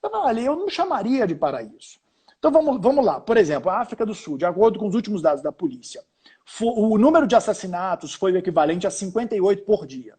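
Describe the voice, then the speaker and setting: A man's voice: high-pitched, very animated, fast, mellow, husky. A Brazilian man with a Brazilian Portuguese accent, a journalist guest chatting over a video call, telling stories with many restarts and fillers. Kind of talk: casual interview chat.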